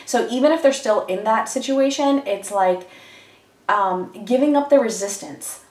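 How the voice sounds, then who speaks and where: A tarot reader with a blocked-up nose talks casually to camera from a table indoors, wandering from point to point and saying um a lot. Her voice sits a little high with a darkish tone, and she takes her time. The room echoes and the microphone is placed far from her.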